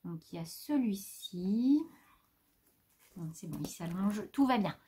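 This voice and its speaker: A French woman shows her new craft materials in a casual home video, rambling a little and talking to her pet along the way. Her medium-pitched voice is mellow and animated, kept to a measured pace, with faint noise behind it.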